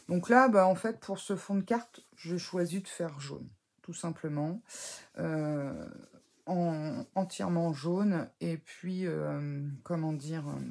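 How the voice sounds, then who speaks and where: Chatty woman with a gravelly, husky voice. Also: fairly low pitch, a little mellow. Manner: chatty, hesitant, full of fillers and self-corrections; talks while working with her hands, self-mocking. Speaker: scrapbooking crafter. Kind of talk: casual craft tutorial.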